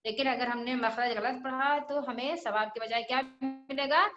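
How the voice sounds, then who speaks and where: A woman's voice: high-pitched, moderate pace, echoey room, music in the background. A woman teaching children Quran recitation, patiently repeating each letter sound and asking questions as she goes. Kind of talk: religious lesson for children.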